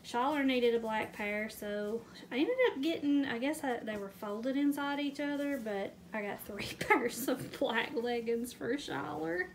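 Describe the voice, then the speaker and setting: A woman's voice: a little high, unhurried, hardly any pauses. A middle-aged woman, chatting casually to her viewers while she shows off a grocery haul at home and laughs often. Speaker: vlogger showing a grocery haul. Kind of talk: casual chat. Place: indoors at home, camera pointed at groceries. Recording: loud background noise.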